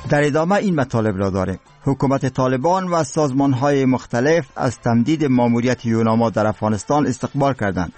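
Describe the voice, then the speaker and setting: A man with an Afghan accent reading scripted radio news in a solemn, formal, measured manner. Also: medium pitch, a little mellow, faint music behind. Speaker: radio newsreader.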